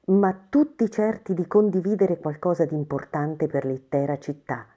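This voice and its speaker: A woman reads a story aloud in a measured, expressive manner. Her voice sits low, with a dark, mellow tone and a steady storybook narration style. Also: muffled recording.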